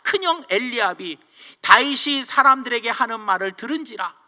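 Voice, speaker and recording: A male pastor delivers a sermon in a very high, sharp voice, telling the story with animated flair. His words trail into a long church-hall reverb. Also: moderate pace.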